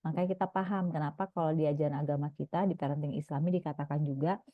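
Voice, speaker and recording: A woman parenting coach giving a lively online seminar talk, acting out little scenes between parents and children. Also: sits low, fast talker, no room sound. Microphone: video call. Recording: dry, phone-like video call audio.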